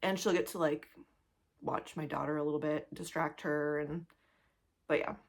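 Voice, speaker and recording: A woman in her thirties, pregnant, chats casually to the camera as a cross-stitch vlogger from her two-bedroom apartment. Her voice is low with fairly even intonation and a moderate pace. She laughs often, sounds a little out of breath, and fills her talk with likes and ums.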